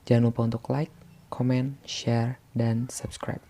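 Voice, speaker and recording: Flat-voiced young man teaching a lesson. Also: medium pitch, creaky. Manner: reads points from notes with filler pauses. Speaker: presenter explaining a literature lesson. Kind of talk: scripted lesson explanation.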